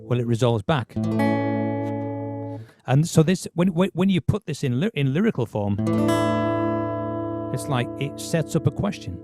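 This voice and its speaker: A man's voice: on the high side, animated, measured pace, pauses often. A man hosting a podcast, talking casually about music with many restarts. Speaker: podcast host.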